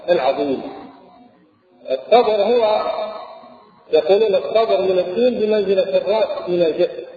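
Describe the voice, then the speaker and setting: A man giving a measured religious lesson, explaining and quoting scripture. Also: sits high. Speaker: Islamic scholar. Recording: echoey hall, tinny phone-like audio.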